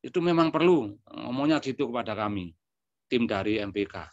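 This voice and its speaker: A man recounts events in a storytelling manner, slipping into quoted dialogue and leaning on small filler words. His voice sits at an ordinary middle pitch. The recording is dry and somewhat dull. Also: lively intonation, brisk, no room sound. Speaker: speaker giving a testimony. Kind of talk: spoken reminiscence.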